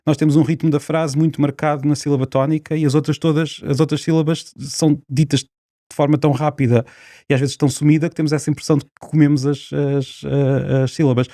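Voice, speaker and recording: A man's voice: fairly high pitch, level tone, quick pace, mellow, no room sound, clean studio sound. A man with a European Portuguese accent, a linguist guest on a podcast, explaining at length with many fillers and restarts.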